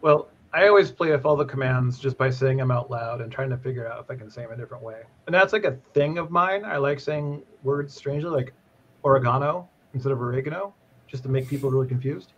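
This co-host, also a developer advocate, talks fast in a mid-range, slightly bright voice while chatting casually on a live stream. He's on a video call in an indoor room, and the webcam picks him up with dull, noisy audio.

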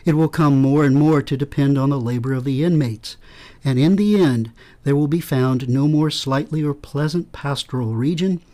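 A man giving a formal, deliberate reading of historical quotations. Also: medium pitch, darkish tone. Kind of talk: scripted reading of historical quotes.

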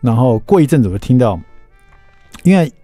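A middle-aged man, hosting a radio talk show and telling family stories in an animated way. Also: mid-range voice, brisk, no echo, soft background music. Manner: animated, mimics voices while telling anecdotes. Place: radio studio. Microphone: studio microphone.

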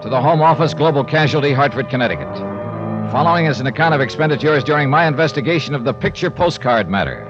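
In this muffled 1950s radio recording with organ music, a man with a medium-pitched, expressive voice speaks quickly and acts lightly. He portrays a wry, self-assured insurance investigator, clipped and wisecracking, moving between dialogue and dry first-person narration in classic radio-detective fashion.

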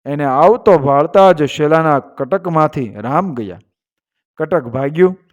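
Male storyteller from Gujarat, India, slightly high voice, dramatic folk-tale narration that lifts for the characters. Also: lively intonation, a little slow, highs cut off. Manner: voices characters' lines with raised pitch and force.

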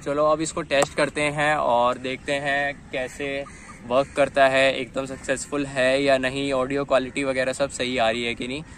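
A young vlogger with a medium-pitched, slightly bright voice talks flatly at a moderate pace, with a little background noise. He chats casually while unboxing and testing a gadget, calling viewers "guys." He films in an open dirt field on a phone camera, then rides along a street with a phone mounted on his chest.

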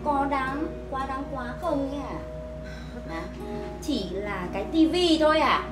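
An actress playing an arrogant, wealthy older mother-in-law who scorns her country in-laws, shouting shrilly. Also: high-pitched, slow pace, echoey room, over music. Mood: contemptuous. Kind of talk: web drama acting.

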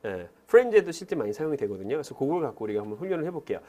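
A man teaching an English lesson in Korean, animated, who keeps urging learners to repeat phrases aloud. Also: medium pitch, rapid-fire. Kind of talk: lively classroom lecture.

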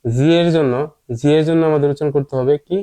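Guy teaching english pronunciation, mellow voice, says stuff over and over. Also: on the high side, fast talker. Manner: patient, repeats each point several times. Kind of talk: explanatory lesson with repetition.

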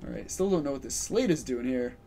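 A man's voice: mid-range voice, animated, brisk, dark tone, slight background noise. A man streaming a horror game, chatting playfully with a co-host, giggling and trash-talking. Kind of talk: casual let's play chat.

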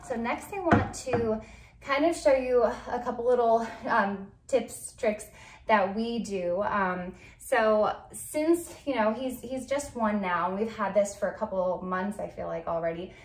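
A woman's voice: on the high side, a little slow. A young woman giving a casual product review and demo in her living room, chatty, with lots of ums and likes. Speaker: parenting vlogger. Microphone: far camera. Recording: roomy sound from a distant camera mic.

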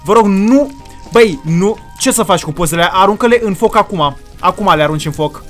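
A man with a bright, high voice gives excited commentary over his gameplay. He talks theatrically and throws in English exclamations. Faint music sits underneath. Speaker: gaming video creator.

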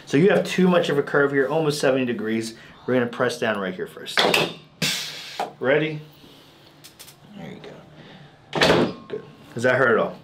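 In a small treatment room, a chiropractor in his thirties gives a patient short, casual instructions and reassuring check-ins. His mid-range voice is expressive, at a moderate pace with long pauses, and the recording is very noisy.

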